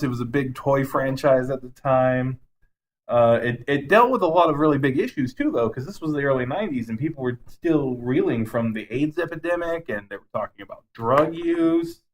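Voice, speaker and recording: A podcast co-host with a medium-pitched voice rambles casually and enthusiastically through his favorite game movies at a normal speed. Some swearing slips in along the way.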